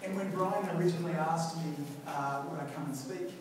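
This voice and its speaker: A man's voice: on the high side, brisk, a loud crowd, very noisy. An Australian man in his forties giving a humble, self-deprecating conference talk. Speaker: chiropractor speaker. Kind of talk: conference speech. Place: large conference hall. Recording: echoey hall from a distance.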